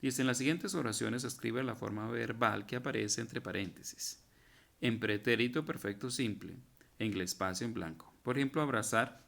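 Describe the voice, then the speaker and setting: A man's voice: mid-range voice, normal speed, creaky, fairly bright tone. A man teaching a recorded grammar lesson, patiently working through verb forms one at a time and stopping to correct typos and his own slips. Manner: corrects himself and points out typos.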